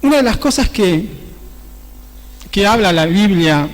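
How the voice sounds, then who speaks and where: High-voiced preacher in a reverberant church. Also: male voice, animated, a little slow. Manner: conversational preaching, often tagging phrases with a questioning "¿sí?". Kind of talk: sermon.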